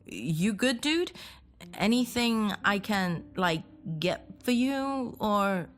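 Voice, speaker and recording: A woman's voice: mid-range voice, expressive, slow, voice pushed up. A woman voicing a casual young male roommate asking if his friend is okay. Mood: concerned. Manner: casual, hesitant concern.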